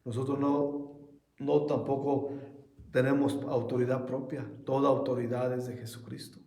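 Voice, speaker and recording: A male pastor delivering a Bible study sermon with steady, earnest conviction. His voice is dark and mellow, carried in an echoey room. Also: medium pitch, normal speed. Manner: earnest preaching, ending in prayer.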